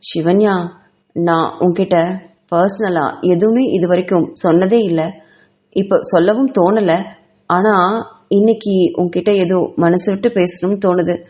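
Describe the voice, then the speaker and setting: A woman's voice: lowish voice, fairly even intonation, a little slow, pauses often, dark tone, close to an everyday voice. A woman voicing an emotional young female student who confides and pleads earnestly with her friend.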